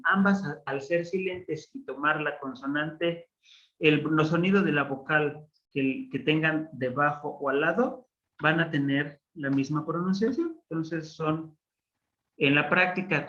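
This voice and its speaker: Man teacher with a slightly high, bright voice, patient and unhurried, on a muffled online class recording. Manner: slow, patient explaining with frequent fillers. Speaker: Biblical Hebrew teacher.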